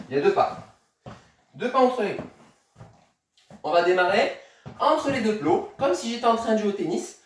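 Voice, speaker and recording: A man's voice: high-pitched, heavy reverb, recorded from a distance, a little hiss or hum. A man coaching children through a tennis workout, counting reps aloud and encouraging them while he demonstrates. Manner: moving while talking, demonstrating exercises. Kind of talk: instructing a kids' home tennis workout.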